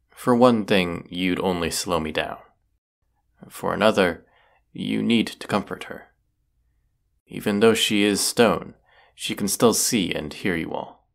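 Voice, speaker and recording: Deep, creaky and exaggerated, a man's voice brings to life a proud, brooding, sardonic woodland wizard in a scripted audio roleplay, speaking with haughty deliberation.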